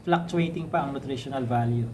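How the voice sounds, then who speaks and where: A man from the Philippines who runs a poultry farm, answering a viewer's question in a casual, chatty way, often tagging on quick questions and correcting himself. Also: mid-range voice, dark tone, slight background noise, poor audio. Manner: chatty, with frequent tag questions and self-corrections. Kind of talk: casual explanatory talk in mixed Tagalog and English.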